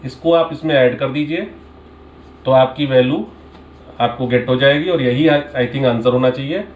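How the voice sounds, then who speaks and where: A man's voice: mid-range voice, normal speed, narrow, tinny audio, a little hiss or hum. Man teaching maths in an echoey room. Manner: patient step-by-step explaining, mixing English terms. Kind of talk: Hindi-English maths lesson explaining a paper.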